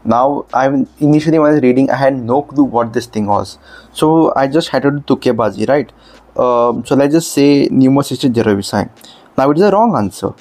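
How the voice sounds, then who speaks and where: A man's voice: medium pitch, a little fast, darkish tone. A man who tutors for medical entrance exams, walking viewers through an app and a textbook in an explanatory, emphatic way that is full of "okay"s. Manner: explanatory, emphatic, repeats 'okay'. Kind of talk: screen-demo lesson.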